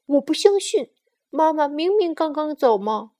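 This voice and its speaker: A woman voicing an excited, emotional little bear cub in a bedtime story, calling out loudly and insistently. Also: high voice, takes it slowly. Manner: shouting, insistent.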